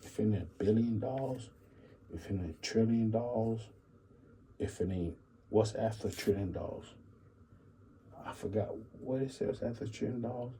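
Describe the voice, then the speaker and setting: A man riffs on his channel in a very dark, mellow voice that sits a little low. He rambles and repeats phrases, musing out loud and dropping quiet half-joking asides, with faint room ambience behind him. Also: moderate pace, long pauses, a little hiss or hum, poor audio. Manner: repetitive, musing, keeps saying "imagine that". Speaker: channel host. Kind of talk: rambling solo commentary.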